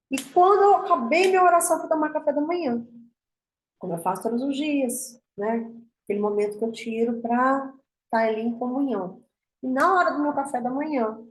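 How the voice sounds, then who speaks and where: A Brazilian woman with a fairly high voice speaks to an online circle of women with open, earnest feeling. Her pace surges and then slows as she tells her story. The room around her is roomy and echoey. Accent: Brazilian Portuguese. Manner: earnest and emotional, speeding up and slowing down in bursts. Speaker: host of an online women's spiritual meeting. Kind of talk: heartfelt personal testimony to an online group. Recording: roomy echo.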